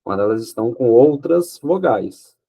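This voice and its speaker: A man's voice: mid-range voice, lively intonation, normal speed, gravelly, dark tone, breathy edge. A man teaching Portuguese grammar for an exam, explaining step by step, asking questions and answering them himself, often checking with "ok?". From Brazil. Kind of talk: exam-prep grammar lesson.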